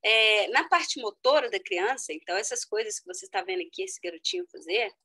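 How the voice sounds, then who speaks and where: A woman's voice: brisk, rough recording. A middle-aged woman, an educational psychologist, giving an explanatory online talk and addressing her audience directly. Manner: explanatory, addresses the audience as "gente", lively with sudden high exclamations. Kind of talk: online lecture.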